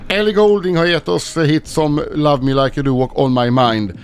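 A man reading out quiz questions and answers on a radio show, brisk and matter-of-fact. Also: fairly high pitch, expressive, smooth. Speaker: quizmaster.

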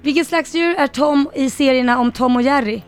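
High-voiced woman reading quiz questions. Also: soft background music. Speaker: radio co-host, quiz reader.

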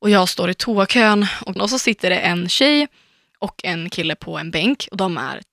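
Outspoken woman telling a story, bright voice, dry close sound, keeps tossing in english bits. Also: fairly low pitch, no room sound. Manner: animated storyteller, mixes in English phrases; stubborn, outspoken. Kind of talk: casual chat.

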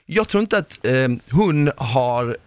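A man's voice: medium pitch, lively intonation, smooth, no echo. A man hosting a podcast, asking curious questions in loose, casual chat with plenty of swearing. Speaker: podcast host.

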